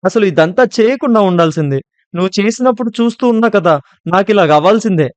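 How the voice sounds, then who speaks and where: A man's voice: high voice, steady tone, fast, clean tone, dry recording, voice pushed up, natural voice. A man voicing a terrified, furious young woman. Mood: scared, accusing. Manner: shouting accusingly through tears. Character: frightened, angry young college woman.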